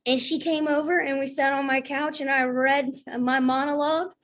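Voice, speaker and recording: A woman's voice: high-pitched, little pitch movement, moderate pace, a bit bright. A woman from the American South telling her own story at a recovery meeting, chatty and self-deprecating, full of fillers and little acted-out quotes. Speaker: speaker sharing at a recovery meeting. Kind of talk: casual personal testimony.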